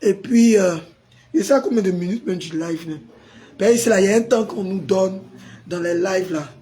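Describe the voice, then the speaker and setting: A pastor hosting a live stream, hoarse from a sore throat and forcing his voice out as he chats with viewers and answers their comments. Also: high-pitched, moderate pace, mellow. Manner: chatty, greets viewers by name and answers comments.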